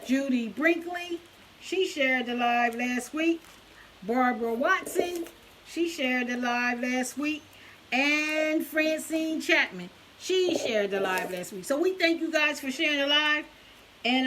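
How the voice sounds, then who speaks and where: A woman's voice: sits high, fairly bright tone, slight background noise. A middle-aged woman hosting a casual live stream, chatty and repeating her phrases with many fillers.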